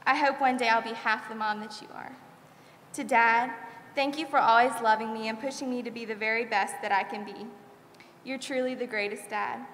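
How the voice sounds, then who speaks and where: A woman's voice: a little high, steady tone, moderate pace, a bit bright, slight background noise. A graduating senior girl in her late teens sincerely reading a devout farewell speech at a school chapel podium. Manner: sincere, devout thank-yous. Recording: echoey chapel with long reverb.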